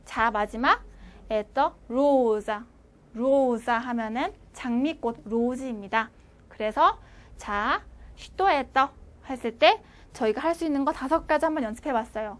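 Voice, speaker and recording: Female instructor, high voice, speaks clearly and repeats words slowly for students to copy. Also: a bit bright. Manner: slow, clear repetition for learners to follow. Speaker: language teacher. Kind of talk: online language lecture.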